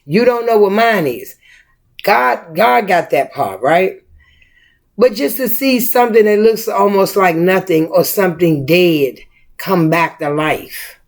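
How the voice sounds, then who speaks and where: A woman's voice: mid-range voice, lively intonation, measured pace. A middle-aged woman, a mother co-hosting a casual family chat, talking emphatically and asking rhetorical questions like a preacher. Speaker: mother and co-host.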